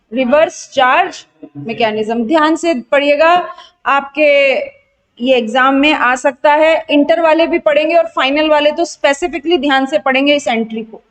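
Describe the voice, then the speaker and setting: High-voiced Indian woman quizzing a class. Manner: quizzing students and answering her own questions; mixes Hindi with English technical terms. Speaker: GST exam tutor. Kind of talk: online revision lecture.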